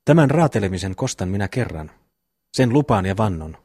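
A man's voice: lowish voice, big pitch swings, darkish tone, husky, no room sound, clean studio sound. A man reading as a grim, vengeful peasant brother. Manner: grim, solemn vow-making. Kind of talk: audiobook reading of a classic novel.

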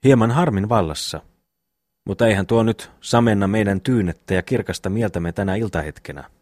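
A man voicing a calm, thoughtful brother who speaks in measured, sermon-like phrases in an audiobook reading. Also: lowish voice, dry recording, clean studio sound, natural voice. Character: calm, wise, reasoning young brother.

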